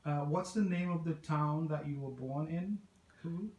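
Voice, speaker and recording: A man's voice: on the high side, normal speed, a little mellow, echoey room, muffled recording. A man from Trinidad and Tobago hosting an interview, encouraging his guest and repeating answers back. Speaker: interviewer host. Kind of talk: interview conversation.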